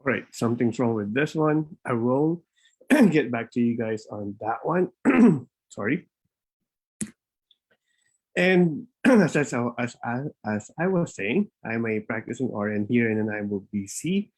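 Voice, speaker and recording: A man leads a live webinar from his home office through a laptop microphone. His talk is loose and informal, full of fillers and restarts, and he sounds a bit out of breath. His pitch sits in the middle range for a man. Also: animated, unhurried, darkish tone, husky. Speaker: immigration consultant and webinar host.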